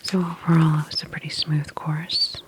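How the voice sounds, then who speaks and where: A low-voiced woman performs a soft-spoken ASMR roleplay as a tranquil healthcare specialist, whispering with gentle attention. She sounds breathy, unhurried, and reassuringly professional.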